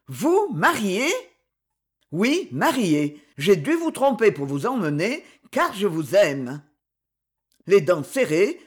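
Woman narrator, audiobook novel reading, lively intonation, slightly breathy. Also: medium pitch.

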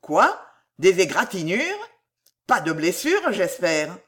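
A narrator voicing a welcoming country gentleman who asks after his guests in an audiobook. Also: mid-range voice, wildly swooping pitch, takes it slowly, heavily acted. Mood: hearty. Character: hospitable hearty country gentleman.

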